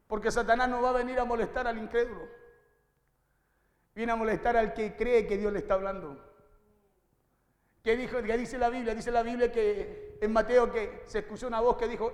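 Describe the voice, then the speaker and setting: Male pastor, very high voice, sermon in a reverberant church hall. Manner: preaching with rhetorical questions to the congregation.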